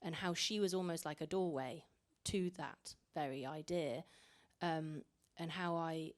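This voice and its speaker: At a panel in a library event room, a young Italian-raised author speaks reflectively, often repeating words as she thinks. Her voice is deep and unhurried.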